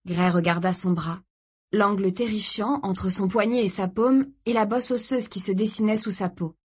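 A woman giving a steady, dramatic scripted narration of an audiobook. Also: mid-range voice, moderate pace, husky.

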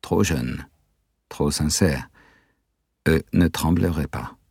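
A man's voice: low-pitched, normal speed, breathy edge, no echo, clean studio sound. A man reading an audiobook, voicing a guarded, paranoid young man who hesitates before he speaks. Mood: muttering. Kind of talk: audiobook character voice.

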